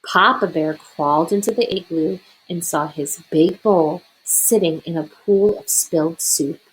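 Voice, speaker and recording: A woman reading a children's picture book aloud as a storyteller, expressive and deliberate. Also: on the low side, breathy edge, rough recording.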